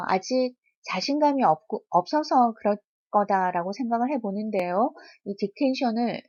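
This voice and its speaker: Woman English teacher, pronunciation lecture, slightly husky voice, dull lo-fi recording. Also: medium pitch, darkish tone. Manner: patient, explanatory, models English words aloud.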